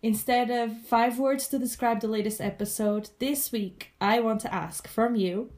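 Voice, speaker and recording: A woman's voice: on the high side, steady tone, moderate pace, a little mellow. A woman with a head cold hosting a casual podcast chat. She sounds a little stuffy and nasal, and she talks in a chatty way with frequent laughs. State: congested from a cold. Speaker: podcast host.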